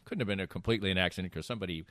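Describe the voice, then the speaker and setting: An older man hosts a casual podcast, rambling through anecdotes and restarting sentences mid-thought. His voice sits low and a bit bright, and he talks in rapid-fire bursts, captured in studio quality with no echo.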